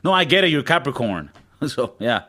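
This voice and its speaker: This casual podcast chat features a Spanish-accented man in his thirties as co-host. His medium-pitched voice is bright and forceful, swings widely in pitch and runs at normal speed as he rambles, swears, mimics others and stumbles through stammering restarts.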